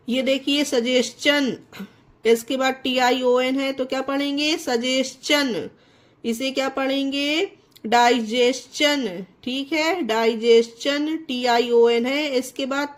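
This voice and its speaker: A woman teaching an English pronunciation lesson in a classroom style, spelling words out letter by letter and checking in with her viewers often. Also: high-pitched. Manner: slow, repeats words and spells them out letter by letter.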